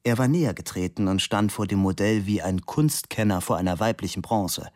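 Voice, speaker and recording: A man reading a novel aloud as narrator, expressive and lively. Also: fairly low pitch, a little fast, no room sound, clean studio sound. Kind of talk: audiobook narration.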